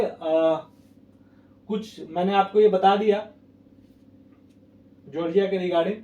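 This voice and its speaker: Blunt, high-voiced man in an echoey room. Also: a little mellow. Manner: blunt, scolding, repeats "thik hai". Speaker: education consultant. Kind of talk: warning talk to camera. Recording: echoey room, distant mic.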